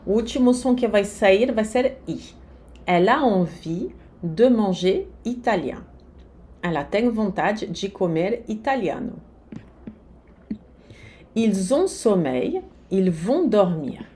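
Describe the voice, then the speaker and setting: A woman teaching a lesson, giving slow, carefully articulated pronunciation drills. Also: mid-range voice, animated, warm tone. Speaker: French teacher. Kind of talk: language lesson.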